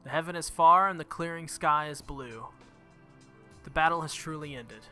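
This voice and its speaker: A gaming video maker with a slightly high, sharp-toned voice reads visual novel text aloud at normal speed. He adds casual comments on the game while its music plays behind him.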